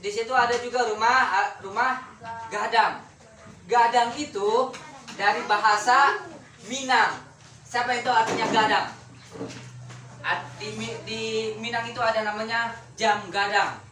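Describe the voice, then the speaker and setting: A woman's voice: fairly high pitch, fairly even intonation, unhurried, long pauses, bright, forceful tone, slight background noise. A woman teaching a classroom lesson, firing questions at her pupils and repeating key words. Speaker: schoolteacher. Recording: roomy classroom heard from a distance.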